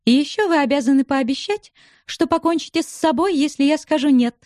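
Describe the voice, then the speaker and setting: A woman putting on a high teasing young widow. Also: fairly quick, darkish tone, no room sound, studio quality, close to an everyday voice. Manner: coquettish, bantering.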